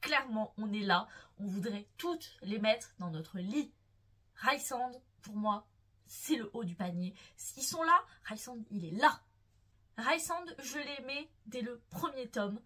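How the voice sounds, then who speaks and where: A woman's voice: a little high, animated, measured pace, bright, forceful tone. A young woman hosting a book vlog who gushes playfully and swoons as she talks about her favorite characters. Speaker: book vlogger. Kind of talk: casual enthusiastic book chat.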